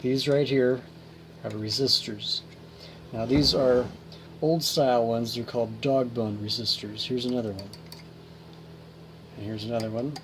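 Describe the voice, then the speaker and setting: In his hobby electronics repair series, a man with a medium-pitched, steady voice works through a hands-on repair at a measured pace, pausing often. He thinks aloud and explains each step in an easygoing, folksy manner, and the homemade recording has distinct background noise.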